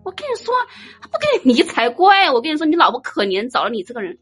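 A woman giving an informal dharma talk as a Buddhist teacher, blunt and teasing, telling lively stories. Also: sits high, quick pace, husky, faint music behind. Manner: blunt, teasing, animated storytelling.

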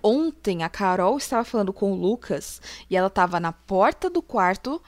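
A woman's voice: medium pitch, expressive, moderate pace, no echo. A woman co-hosting a casual chat, giving frank and indignant opinions about people on a reality show. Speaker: co-host.

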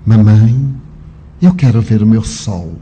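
A man's voice: fairly low pitch, expressive, slow, mellow, big-room sound, a little hiss or hum, voice pushed down. A man voicing a stubborn five-year-old boy who pleads and insists through tears. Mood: pleading.

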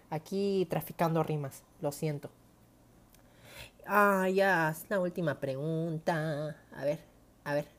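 A young woman with a low voice and a Mexican Spanish accent tells stories straight to her viewers. She keeps it casual, full of slang, and breaks into whispered asides as she acts out her own stories. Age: young adult. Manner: chatty, slangy, animated retelling with whispered asides. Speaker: vlogger. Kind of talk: casual storytelling to camera.

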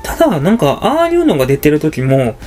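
A man's voice: fairly high pitch, huge pitch swings, fairly quick, a little mellow, faint music behind. A man with a Kansai accent, chatting casually and explaining his theories at length as a podcast co-host. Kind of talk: casual chat, speculating at length.

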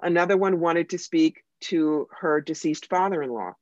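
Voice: mid-range voice, normal speed, dry recording. American psychic speaking animatedly, dry sound. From United States. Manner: animated, emphatic, wry. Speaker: psychic medium guest. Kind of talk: conversational interview storytelling. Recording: dry, slightly dull lo-fi sound.

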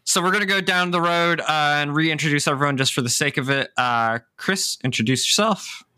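A man running a tabletop game with a bright, crisp voice and upbeat, chatty energy. He keeps things light as game master, and the sound is dry and close to the mic. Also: fairly high pitch, fairly quick, dry recording. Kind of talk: hosting and narrating a tabletop game.

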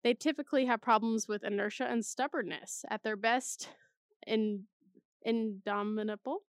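A woman's voice: on the high side, moderate pace, no echo, clean studio sound. A young woman in college reading personality test results aloud in a casual way, with chatty, self-mocking asides. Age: young adult. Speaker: vlogger.

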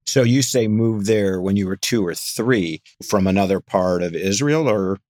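A man's voice: fairly low pitch, a little slow, darkish tone, no echo. An older man hosting an interview podcast, opening with an announcer-style intro and then chatting casually with a guest. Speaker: podcast host.

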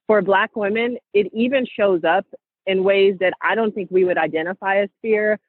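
A woman's voice: mid-range voice, normal speed, breathy edge, no echo. A woman co-hosting a group call, speaking earnestly and building into passionate, rallying talk. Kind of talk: casual inspirational talk. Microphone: phone. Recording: phone line audio.

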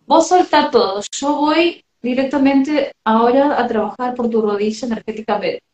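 Rioplatense woman, medium on a live stream, soft and loving, kinda high voice, roomy echo. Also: moderate pace. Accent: Rioplatense Spanish. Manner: tender, affectionate, relaying messages. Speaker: medium hosting a live session. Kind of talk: live spiritual reading.

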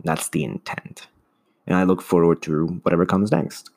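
Man, solo podcast host, very low gravelly voice, earnest and halting. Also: fairly even intonation, a little mellow. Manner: earnest, searching for words with restarts. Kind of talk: casual opinion monologue.

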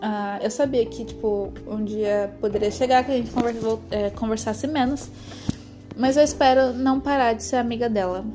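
Girl in her 20s rambling in a vlog, kinda high voice, lots of ums, music playing under her. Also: steady tone, moderate pace. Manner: rambling, hesitant, confessional, many fillers. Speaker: vlogger. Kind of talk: casual personal vlog. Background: background music.

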